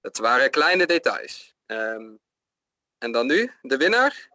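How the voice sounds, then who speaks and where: A man's voice: mid-range voice, sing-song, slow, sharp tone, dry recording. A man giving pronunciation feedback in casual chat, hesitant and full of fillers. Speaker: pronunciation coach.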